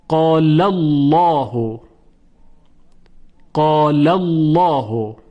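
A man teaching a recitation lesson, stretching out example words slowly and explaining briskly in between. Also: a little high, a little mellow.

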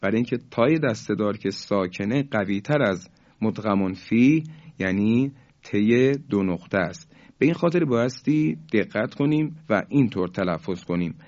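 A man teaching the rules of Quran recitation, explaining patiently and repeating example words slowly with emphasis. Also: lowish voice, lively intonation, a little mellow, no room sound, lo-fi sound. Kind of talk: religious lesson on recitation rules.

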